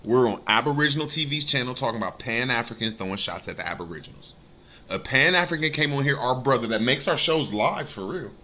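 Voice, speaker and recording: A man's voice: medium pitch, expressive, quick pace, sharp tone. A man ranting casually, brash and profane. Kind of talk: casual rant.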